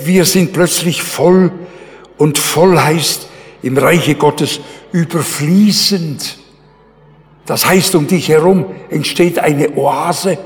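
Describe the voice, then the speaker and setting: A man preaching a sermon in a slow, emphatic way, pausing often and swinging his pitch widely between low and high. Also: in a large hall.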